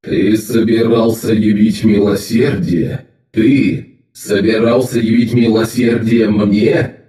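A man doing a booming metallic sorcerer voice. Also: steady tone, slow pace, mellow. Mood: menacing. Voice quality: grating, clanging. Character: cold vengeful male sorcerer with a metal voice. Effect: booming, echoing metallic voice. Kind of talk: audiobook character reading.

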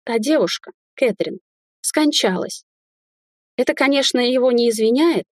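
A woman reading the part of a gentle, worried young woman on a hotel staff, speaking softly and coaxingly. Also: a little high, animated, moderate pace, no room sound, studio quality, voice pushed up, natural voice. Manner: soft, coaxing.

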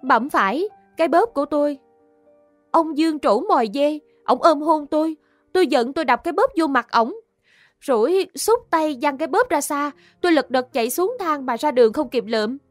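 A woman playing a high-voiced, pleading young accused woman. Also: lively intonation, normal speed, no room sound, faint music behind. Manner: deferential, pleading. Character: young woman accused of murder, earnest and polite.

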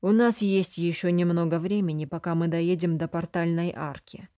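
A woman reading the lines of a stern, coldly calm male duke and mage in an audiobook. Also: fairly low pitch, normal speed, no echo, studio quality, close to an everyday voice. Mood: measured. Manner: calm, cold, interrogating.

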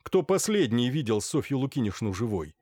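A man voicing a shrewd, calm doctor who asks probing questions. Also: medium pitch, brisk, dry recording, clean studio sound.

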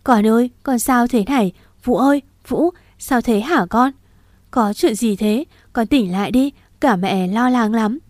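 A woman's voice: on the high side, a little slow, a little mellow, dry recording, studio quality, natural voice. A woman voicing a distraught middle-aged mother who cries and pleads over her son, her voice raised. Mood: tearful, pleading.

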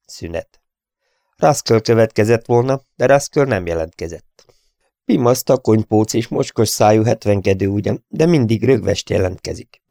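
A man narrating an audiobook in a measured, dramatic way, voicing each character. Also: fairly low pitch, lively intonation, creaky, mellow, no room sound, studio quality.

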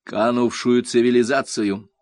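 A man's voice: medium pitch, little pitch movement, measured pace, a little mellow, no room sound, lightly acted. A man voicing a self-assured, pompous male sculptor. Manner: confident, pompous, then indignant.

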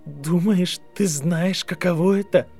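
Male reader as a frantic boy, high and loud, pleading with a trembling voice; faint music. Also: animated, moderate pace, lightly acted. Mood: bitter. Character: desperate boy, son of prisoners.

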